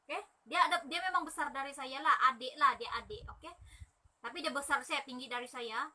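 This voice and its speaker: Bright high-voiced young woman with a lilt. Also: a little fast. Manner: lively, acts out other people's lines in quotes. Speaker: corset sales agent hosting a live stream. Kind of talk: chatty live-stream storytelling and selling.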